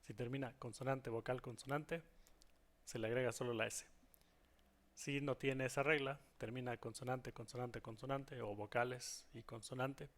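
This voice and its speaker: A man's voice: medium pitch, fairly even intonation, normal speed. A man walks students through English grammar rules in a recorded lesson. He explains patiently and keeps checking in with his class as he goes. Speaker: English teacher.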